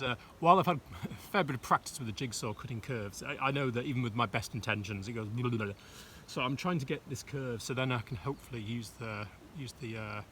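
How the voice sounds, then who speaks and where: A man's voice: mid-range voice, pushed and bright, slight background noise. Rambling middle-aged man filming his boat build. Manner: rambling, many fillers and restarts, self-deprecating. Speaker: vlogger fitting out a narrowboat. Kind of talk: casual self-filmed build vlog. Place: outdoors on a boat roof and inside a boat workshop.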